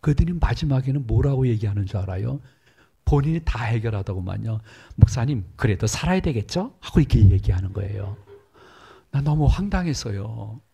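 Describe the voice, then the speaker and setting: A man's voice: lively intonation, brisk, vocal fry, warm tone, husky. A middle-aged male pastor preaching in a church, telling a story and acting out the voices in it. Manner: storytelling, acts out dialogue with big pitch jumps. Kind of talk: sermon. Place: church sanctuary.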